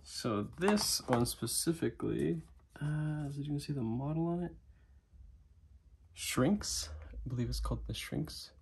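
A man chatting casually through an unboxing vlog, thinking aloud with relaxed fillers. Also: on the high side, measured pace, vocal fry, a little hiss or hum. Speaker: knife and gear reviewer.

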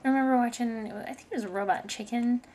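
A woman's voice: on the high side, steady tone, fast, a little mellow, slight background noise. A woman giving casual, rambling commentary while playing a video game. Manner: rambling, chatty, sometimes murmurs. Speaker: gaming video host.

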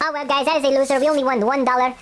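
Female host, high voice, put-on Russian accent, casual play-by-play, light scratching noise in a home recording. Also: level tone, rapid-fire, fairly bright tone. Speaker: host of scratch ticket videos. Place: indoors at a wooden table. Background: scratching of lottery tickets.

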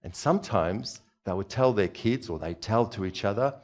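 Wearing a headset mic, a preacher in his forties, born in Czechoslovakia, roams the church stage and puts questions to his audience in a conversational sermon. He speaks at normal speed in an expressive voice on the low side.

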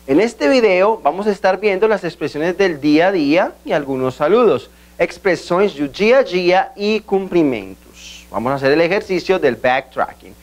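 A man teaching a recorded language lesson, slowly and deliberately modelling pronunciation and checking in with the learners. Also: sits high, big pitch swings. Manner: slow, deliberate pronunciation drills with frequent "¿cierto?" check-ins.

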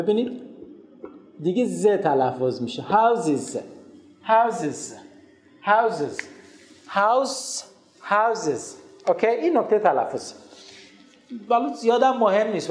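High-voiced man teaching English grammar. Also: darkish tone. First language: Persian. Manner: explains in Persian, drills English words slowly. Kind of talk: grammar lesson. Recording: echoey room.

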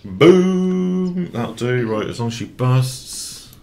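Excitable man streaming a game. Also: medium pitch, a little slow. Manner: excitable, swearing, talking to the chat. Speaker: gambling streamer. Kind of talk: live-stream commentary.

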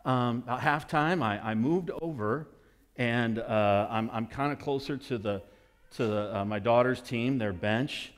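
A middle-aged man preaching a sermon as pastor, telling a story and now and then bursting into excited shouts. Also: medium pitch, measured pace. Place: church sanctuary.

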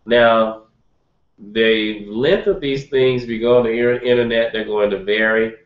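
A man's voice: mid-range voice, fairly even intonation, moderate pace. A man giving career advice in an interview, talking conversationally with quotes and examples. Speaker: career advisor. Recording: roomy, dull lo-fi sound.

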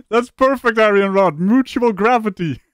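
A Dutch man with a high-sitting voice hosts a live stream, reacting to a clip. His commentary is animated and mocking, broken up by frequent laughter.

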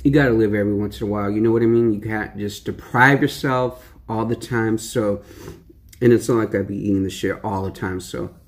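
Here the mukbang vlogger speaks briskly in a fairly low voice with fairly even intonation. He's a young man chatting casually to camera over food, laid-back and slangy, rambling with lots of fillers.

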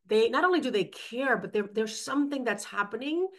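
A former principal from New York co-hosts a conversational webinar over a video call, reflecting aloud as she reads chat comments. Her voice is a little high, a bit bright and expressive, and fairly quick.

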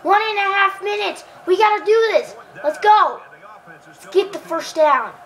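A woman giving excitable live commentary while playing a football video game, cheering and groaning at the plays and chatting to viewers. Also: extremely high pitch, measured pace, poor audio.

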